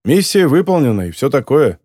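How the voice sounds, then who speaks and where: A man's voice: medium pitch, very animated, a little fast, dark tone, breathy edge, dry recording. Man doing a blustering hothead ex-army guy, dry close sound. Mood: defiant. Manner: defiant, blustering. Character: brash hot-tempered former soldier, man. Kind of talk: audiobook character voice.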